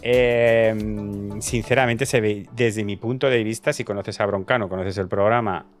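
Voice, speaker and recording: A man's voice: lowish voice, fairly even intonation, a little slow, faint music behind. A man hosting a news commentary show, talking with hesitant fillers and restarts. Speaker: host.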